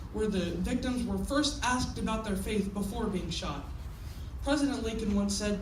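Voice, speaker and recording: A young teenage American boy delivering a memorized persuasive speech in a stiff, rehearsed way. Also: sits high. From United States. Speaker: speech contestant. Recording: echoey room, distant mic, faint noise.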